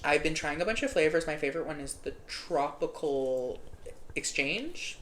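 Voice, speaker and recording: A young adult co-hosting a podcast in halting casual talk with many ums and restarts. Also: mid-range voice, lively intonation. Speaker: podcast co-host. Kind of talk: casual chat. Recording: roomy echo with faint background noise.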